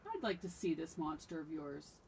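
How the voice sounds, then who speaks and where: A woman's voice: low-pitched, sing-song, moderate pace, gravelly, a little mellow, a little hiss or hum, full character voice. A woman voicing a sensible male badger in a read-aloud storybook, matter-of-fact.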